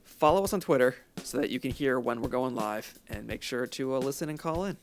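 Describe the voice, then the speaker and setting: A man from the United States co-hosting a casual podcast, joking in a deadpan, mock-apologetic way. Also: medium pitch, fairly quick, faint music behind. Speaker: podcast co-host.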